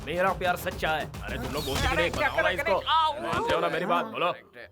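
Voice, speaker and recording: An actor playing a loud, boastful lovesick young man who rants and shouts, in a Hindi film dub. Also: high-pitched, huge pitch swings, fairly quick, heavily acted. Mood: ranting. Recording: film soundtrack with loud music.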